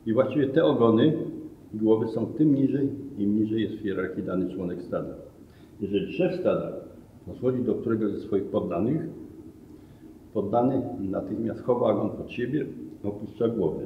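A man's voice: lowish voice, slight background noise. Middle-aged man explaining, distant and thin. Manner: explanatory, with self-corrections. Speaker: museum guide. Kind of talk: museum talk on animals. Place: museum hall among glass display cases. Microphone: camera a few meters away. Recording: roomy, distant, phone-like thin sound.

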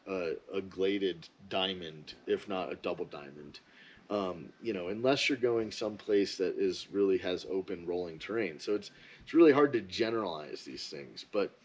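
A man's voice: on the low side, a little mellow, breathy edge, poor audio. A man giving a casual, rambling, opinionated monologue as a ski vlogger.

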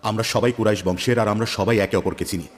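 Dub casting: a man as an earnest loyal friend, quick, long reverb. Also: fairly low pitch, fairly even intonation, close to an everyday voice. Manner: earnest, solemn. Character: loyal male companion, earnest and devout. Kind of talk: dubbed drama dialogue.

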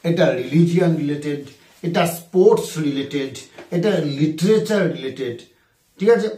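A man with a Bengali accent teaches an English exam lesson, slowly dictating each question and repeating the options. His voice sits a little high and swings widely in pitch. He is heard from a distance in an echoey room. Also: animated, mellow. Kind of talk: exam-prep lecture mixing Bengali and English.

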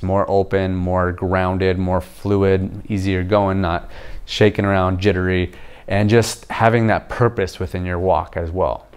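Here is a young adult book reviewer talking to the camera in his kitchen, framed from the chest up. His voice is low, deep and smooth, and he explains in a casual way, pausing easily and often tossing in "okay?"

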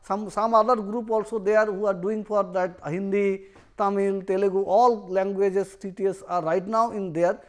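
High-voiced man lecturing. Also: level tone, moderate pace. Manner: explains step by step, repeats key phrases. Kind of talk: university lecture.

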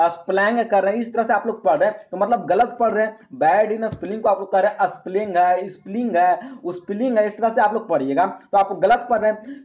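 A man's voice: sits high, a little mellow, highs cut off. A man teaching English vocabulary in an exam-prep lesson, asking his students questions and repeating the answers. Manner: repetitive question-and-answer teaching, asks "friends" often.

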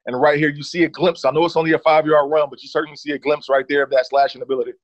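Speaking at a racing pace in a voice on the high side, this man in his thirties, once a running back, analyzes game film as a guest. He stays relaxed and keeps saying "certainly" and "uh." The video-call audio is dull and dry.

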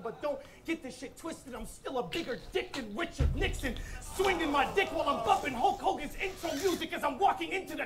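A man performing a live battle rap, delivering taunting punchlines with laughing asides. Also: extremely high pitch. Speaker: battle rapper. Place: live battle event before a crowd. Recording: crowd noise from a live event.

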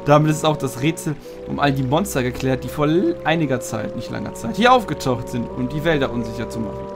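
A wise, ancient tree spirit speaks in a solemn, stately way, read aloud by a man. The pitch moves a lot, and clear game music plays underneath. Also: animated, fairly quick, close to an everyday voice.

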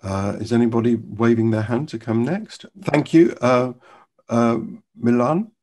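A man hosts an online discussion. His voice is medium in pitch and his moderating style is informal. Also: measured pace, a little mellow. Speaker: webinar host. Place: room at home, indoors. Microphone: desktop microphone on video call.

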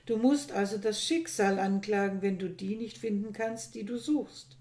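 Woman reading male king, composed, formal, mellow, roomy echo. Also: mid-range voice, moderate pace, close to an everyday voice. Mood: measured. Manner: calm, formal address. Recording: echoey room.

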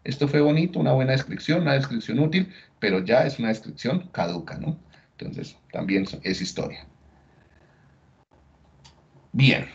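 A man's voice: mid-range voice, normal speed, creaky, pauses often. A man giving a lecture on slides, talking conversationally and often checking in with tag questions. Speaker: neuroscience lecturer. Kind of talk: recorded lecture explaining slides. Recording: dull lo-fi recording.

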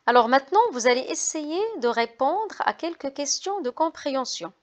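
A woman's voice: sits high, animated, normal speed. A woman teacher reading a simple text aloud and carefully explaining its pronunciation to learners, spelling out letters and repeating words. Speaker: French teacher.

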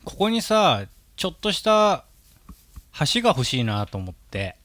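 A man's voice: on the high side, very animated, a little slow, fairly bright tone, no echo. A young man from Japan, hosting a live game stream in easygoing casual chat with his friends and checking the audio as he plays.

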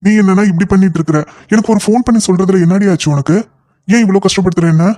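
A man voicing an impatient young lover in a cartoon, talking fast and insistently. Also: high-pitched, mellow, lightly acted. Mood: scolding. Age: young adult. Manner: rapid, insistent scolding. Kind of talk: cartoon voice acting.

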